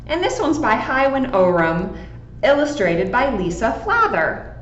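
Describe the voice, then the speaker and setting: A woman librarian reads a picture book aloud slowly, her voice swinging up and down with lots of expression. She asks the children questions as she goes. The sound is echoey and a bit dull, with a faint hiss behind her. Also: fairly high pitch, big pitch swings.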